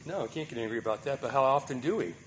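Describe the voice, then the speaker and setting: A man's voice: medium pitch, animated, very fast, a little hiss or hum. A man preaching a sermon, asking the listeners rhetorical questions and checking in with a repeated "right?".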